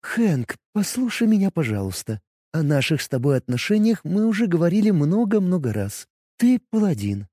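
A man voicing a haughty high-elf rogue woman. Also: sing-song, normal speed, dark tone, husky, dry recording, clean studio sound, exaggerated voice. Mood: velvety. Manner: silky, condescending, turns sharply imperious.

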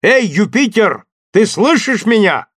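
Storybook part: man playing an excitable, obsessed gentleman, urgent shouted commands, dry close sound. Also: high voice, a little slow, breathy edge, no room sound, pitched above the performer's own voice, heavily acted. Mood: feverish. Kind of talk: audiobook character voice.

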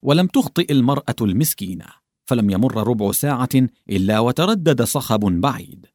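A man narrating a literary story in an expressive, theatrical storytelling manner. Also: mid-range voice, a little fast, no room sound, studio quality. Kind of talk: literary audiobook reading.

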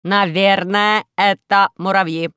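A woman voicing a gentle robot wardrobe that talks in a slow, plaintive, ponderous way. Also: medium pitch, steady tone, smooth, dry recording, clean studio sound.

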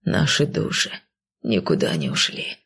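A woman voicing a timid, guilt-ridden undead male coachman who mumbles and pleads in a hushed voice. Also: low voice, sing-song, measured pace, creaky, husky, voice pushed down, heavily acted. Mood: reluctant.

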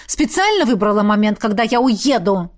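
A woman's voice: medium pitch, very animated, normal speed, natural voice. Woman voicing a jealous young shapeshifter man. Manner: gruff, sulky, needling. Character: jealous hot-tempered young male shapeshifter. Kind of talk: audiobook character reading.

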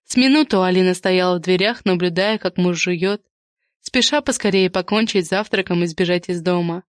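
Audiobook narrator: woman, measured and even, dry close recording. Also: on the low side, no room sound. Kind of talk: scripted narration.

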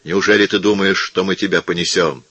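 A man's voice: sits low, fairly even intonation, a little fast, a bit bright, no echo, highs cut off. A man voicing a harsh monk who growls threats in a stifled voice. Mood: gruff. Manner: gruff, stifled voice.

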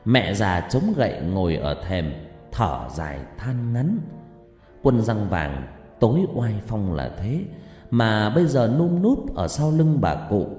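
A man narrating a ghost story in an expressive, dramatic way, recorded in an echoey room. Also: fairly low pitch, slow, faint music behind. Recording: echoey room with long reverb.

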